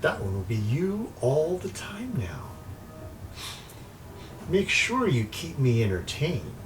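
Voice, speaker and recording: A man voicing an imperious, mocking shapeshifting sorceress who talks in drawn-out, teasing threats. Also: medium pitch, huge pitch swings, distant mic, noisy background. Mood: haughty menace. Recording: mic set back, faint music.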